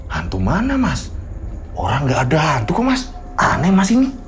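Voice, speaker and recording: Calm roadside motorcyclist voiced by the narrator, low and soft-spoken, brushing fears aside. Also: male voice, normal speed, slight background noise. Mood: dismissive. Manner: calm, reassuring, dismissive. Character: calm middle-aged male motorcyclist, matter-of-fact.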